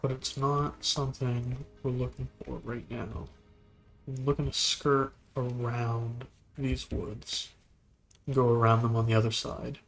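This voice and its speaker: Gravelly-voiced man musing over gameplay. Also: medium pitch, measured pace, faint music behind. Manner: relaxed, musing, talks to objects in the game. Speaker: gameplay video host. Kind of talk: casual gameplay commentary.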